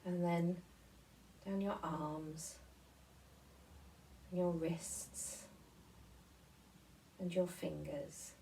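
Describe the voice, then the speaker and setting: Distant mic with faint noise, woman, soft-toned and lowish, soothing devotional relaxation guide, leaves pauses. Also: fairly even intonation, vocal fry. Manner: gentle, soothing, unhurried instruction with pauses.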